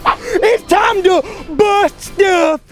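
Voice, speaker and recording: A rowdy, exuberant children's lesson host with a very high voice. The delivery is folksy and drawn out, cheering the kids on slowly, with light music behind. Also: full character voice. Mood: upbeat, bossy. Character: rowdy, high-pitched kids' show character named Buster who loves busting stuff. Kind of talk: scripted kids' church lesson.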